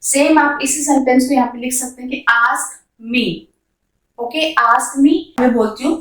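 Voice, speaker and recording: A woman with a fairly high voice teaches beginners, saying each example phrase slowly and with care. She sits back from the mic in an echoey room. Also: steady tone, fairly bright tone, far from the mic. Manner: slow, drawn-out model sentences between quick explanations. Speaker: English teacher. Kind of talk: beginner language lesson.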